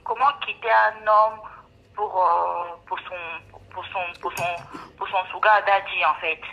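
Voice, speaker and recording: A woman's voice: on the low side, fairly even intonation, vocal fry. Hesitant woman on a muffled phone line. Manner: hesitant, halting. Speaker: caller. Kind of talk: phone call-in.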